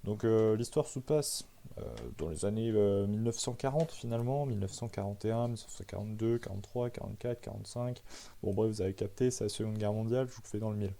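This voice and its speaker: A man's voice: lowish voice, fairly even intonation, fast talker, vocal fry, mellow. A man doing a casual, comic movie recap as a film reviewer, slangy and irreverent, who keeps asking himself rhetorical questions.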